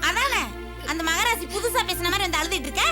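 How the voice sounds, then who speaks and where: A feisty, blunt young woman talks fast in a very high voice. Loud drama music plays underneath. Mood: indignant. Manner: blunt, scolding. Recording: soap opera with loud music.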